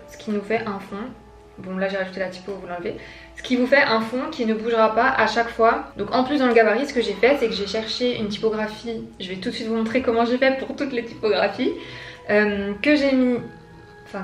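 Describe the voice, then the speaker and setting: Chatty young woman in a roomy echo. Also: a little high. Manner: chatty, playful, addresses viewers directly. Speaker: vlogger and graphic designer. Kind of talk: casual tutorial vlog. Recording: roomy echo, voice from a distance, faint music.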